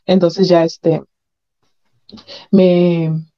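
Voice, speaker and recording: A woman's voice: lowish voice, flat delivery, drawn-out words, mellow, muffled recording. A woman telling a caller's candid personal story, frank and matter-of-fact with nervous laughs. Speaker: caller sharing her experiences. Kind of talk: candid personal testimony over a call. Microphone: phone or call line.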